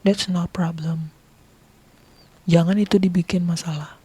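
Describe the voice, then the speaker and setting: A man from Bali with a Balinese accent, chatting casually to his viewers, laughing often and sometimes dropping into a soft whisper. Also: high voice, fairly even intonation, unhurried, husky, no room sound. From Bali, Indonesia. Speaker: vlogger.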